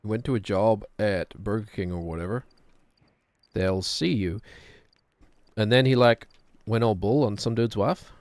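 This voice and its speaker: A man's voice: on the low side, steady tone, fairly quick, few pauses, darkish tone, dry recording. A middle-aged man giving casual, rambling game commentary in a wry, musing manner, often talking to himself. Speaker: gaming streamer.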